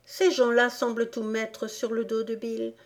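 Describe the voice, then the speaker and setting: A woman reading an audiobook and voicing a curious young girl who turns bold and indignant, her voice lifting high when she threatens. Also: little pitch movement, a little slow. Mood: puzzled. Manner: raised, higher voice when shouting threats.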